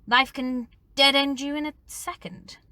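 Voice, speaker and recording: A woman's voice: sits high, fairly even intonation, a little slow, bright, forceful tone, no echo. An actress playing a weary, sarcastic teacher in her forties who lectures students in detention. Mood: sardonic. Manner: dry, sardonic lecturing. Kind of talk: dramatic monologue.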